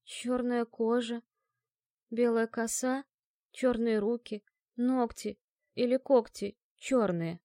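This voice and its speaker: A hoarse, panicked dead woman pleads in a strained, raised voice, as a female narrator plays her. Her words come out loud and moaning. The recording is close and dry. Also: high-pitched, lively intonation, takes it slowly, no room sound, voice pushed up, full character voice. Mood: terrified.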